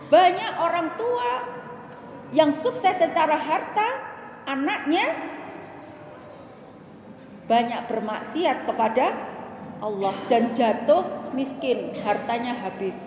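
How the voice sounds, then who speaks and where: High-voiced woman preaching in an echoey hall. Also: a little hiss or hum. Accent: Javanese. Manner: animated, asks the audience questions, slips into regional phrases. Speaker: preacher at a women's religious study circle. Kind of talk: sermon with storytelling. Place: hall of a religious gathering. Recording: echoey hall, dull lo-fi sound.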